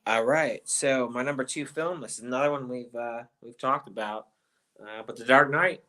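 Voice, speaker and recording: A man's voice: mid-range voice, moderate pace, bright, forceful tone, poor audio. A man hosting a casual movie chat, talking in a loose, rambling way with plenty of fillers. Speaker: host of a movie review chat.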